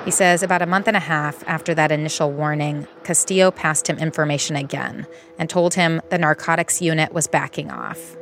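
A woman with a low voice narrates an investigative documentary. Her delivery is measured and matter-of-fact, clearly scripted storytelling. Faint music plays underneath. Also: steady tone, a bit bright. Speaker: narrator and reporter.

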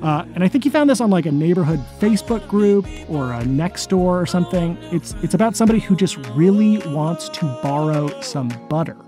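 A man's voice: a little high, lively intonation, fairly quick, hardly any pauses, over music. A man who works as a podcast producer, telling a story with enthusiasm in casual chat.

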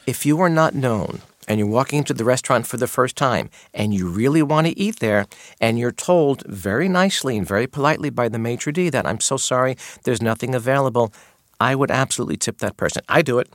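A man's voice: medium pitch, lively intonation, quick pace, no room sound, studio quality. A middle-aged man who worked as a maitre d', answering interview questions with earnest storytelling. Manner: earnest storytelling, quotes guests in his retelling.

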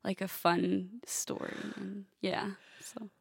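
A teenage girl from Italy, a young pianist guest, answering interview questions in a soft, hesitant way with many fillers. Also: mid-range voice, steady tone, slow pace, gravelly, husky, no echo, clean studio sound. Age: teens.

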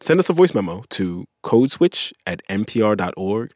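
A man's voice: on the low side, very animated, moderate pace, a little mellow, no room sound, clean studio sound. A man hosting a podcast in an informal, slangy, conversational way. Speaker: podcast host.

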